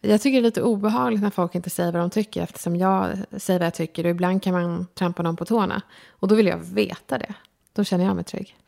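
A woman's voice: fairly low pitch, steady tone, gravelly, a little mellow. Lisping woman with an upper-class Stockholm tinge. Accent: Stockholm, slightly upper-class tinge. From Sweden. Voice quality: slight lisp, speaks far forward in the mouth. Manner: direct, frank, self-deprecating. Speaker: guest, designer and lecturer. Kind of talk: casual conversation.

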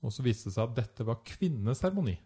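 A man telling a travel story in casual conversation, animated and acting out the people he quotes. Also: slightly rough. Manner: animated, acts out quotes with rising pitch.

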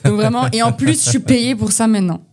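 A young French actress and poet from the Vosges, on the high side in pitch with a darkish tone, talks a little fast about acting as a podcast guest. Soft background music accompanies this casual chat over beer, where she often restarts and leans on fillers.

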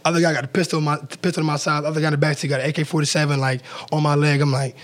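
A man's voice: a little high, little pitch movement, racing. A man, a former pro football player, telling a story as an interview guest in loose, casual talk full of "like" fillers and acted-out quotes.

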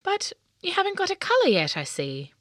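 A woman voicing a peaceful, gentle female unicorn in a storybook, speaking calmly and kindly. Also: very high-pitched, fairly quick, dry recording, studio quality, pitched above the performer's own voice, heavily acted.

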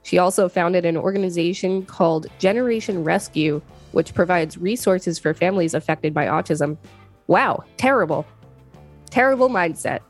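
A woman co-hosting a podcast reads an article aloud and adds casual commentary. Her voice is lowish, her speed normal, and faint music plays behind her.

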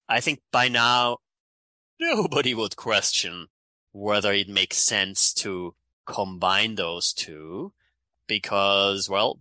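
His voice sits on the low side with no echo. An Austrian-accented climate economist in his forties from Austria, he gives an animated, conversational interview, often tagging sentences with "right?".

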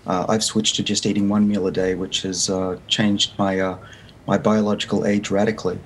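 An Australian man in his fifties, a guest on a remote interview, earnestly explains his research with many restarts. His voice is on the low side with a flat delivery at normal speed, and faint background noise is audible.

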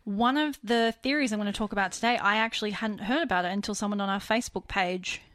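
A woman co-hosting a podcast in a relaxed, low-key way, her voice full of vocal fry. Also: fast talker, no room sound, studio quality. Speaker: podcast co-host. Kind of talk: casual podcast chat. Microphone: desk microphone.

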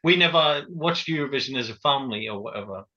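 A man's voice: mid-range voice, animated, fast, bright, forceful tone. A man co-hosting a casual podcast chat, teasing his co-host and swearing freely. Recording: dull lo-fi sound.

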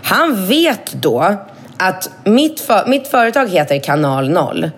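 A woman in her thirties chatting casually as a podcast co-host, telling an animated story, swearing freely and leaping up in pitch to act out quotes. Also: slightly rough.

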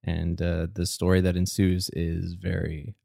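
A man with a very low, deep voice that sounds a little strained today. He co-hosts a podcast in easygoing, rambling chat. The sound is dry and close, with no room around it. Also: measured pace, creaky, dry recording. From Canada. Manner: relaxed, rambling storyteller. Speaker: podcast co-host. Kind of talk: casual chat.

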